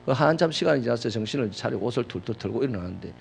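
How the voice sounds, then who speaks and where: A male pastor preaching a sermon, telling personal stories dramatically, swinging from loud outbursts to hushed asides. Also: mid-range voice, animated, racing, gravelly, a little hiss or hum.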